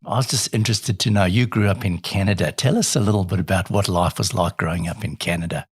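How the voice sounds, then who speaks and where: A man hosts an interview podcast. His voice is slightly low and a little husky. He asks short, open questions in a friendly manner. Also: quick pace. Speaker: podcast host. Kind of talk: interview hosting.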